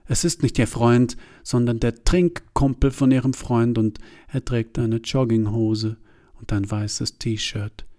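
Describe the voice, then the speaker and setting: Man, first-person story narration, confessional, hushed to agitated, medium pitch. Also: steady tone, slow.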